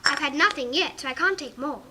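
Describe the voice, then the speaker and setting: A woman's voice: high voice, fairly quick, natural voice. A woman playing a polite, puzzled, easily indignant little English girl with prim RP speech in a 1950s storybook recording. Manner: prim, precise, questioning. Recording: noisy vintage 1950s record.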